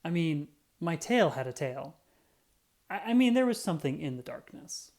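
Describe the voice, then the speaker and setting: Reading a picture book for children, a narrator takes on the persona of a self-regarding cat detective. The mid-range voice keeps a normal speed and delivers an expressive, dramatic performance that includes acted-out sound effects.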